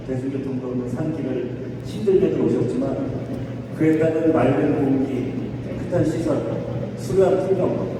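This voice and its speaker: A man giving a union rally speech as a branch leader, in an echoey, noisy recording from a distant mic. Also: fairly high pitch. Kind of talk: rally speech, partly read from notes. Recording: very echoey hall, distant mic, clear noise.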